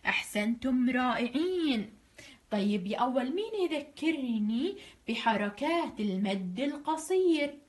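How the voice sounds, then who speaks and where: Brief: young Jordanian woman, primary teacher, slightly high-pitched, warm praise, drawn-out words. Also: animated. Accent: Jordanian Arabic. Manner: encouraging, praises often, drawn-out example words. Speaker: first-grade teacher. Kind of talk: recorded online grammar review lesson.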